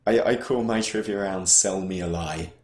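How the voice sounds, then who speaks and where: Man, very low voice, casual podcast chat, rambling, restarts a lot, echoey room. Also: moderate pace, a crowd in the background. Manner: rambling, hesitant, with many restarts. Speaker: podcast co-host. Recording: roomy echo.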